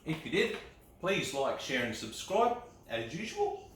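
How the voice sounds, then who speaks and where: A man's voice: fairly high pitch, huge pitch swings, a little slow, fairly bright tone, far from the mic. Chatty man in an echoey kitchen. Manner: chatty, upbeat, laughs often. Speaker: cooking vlogger. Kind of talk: casual cooking vlog. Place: home kitchen.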